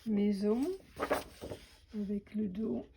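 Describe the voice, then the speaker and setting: A woman chatting through an unboxing of craft supplies, slow and hesitant with many fillers and restarts. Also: mid-range voice, flat delivery, creaky, highs cut off, noisy background. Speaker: crafting vlogger. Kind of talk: casual unboxing commentary.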